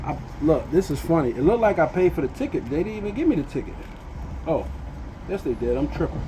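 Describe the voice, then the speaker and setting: A man's voice: on the high side, big pitch swings, a little fast, noisy background. A man talking casually on a walking vlog at a train station, preachy and encouraging, a little out of breath, into a phone he holds. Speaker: vlogger.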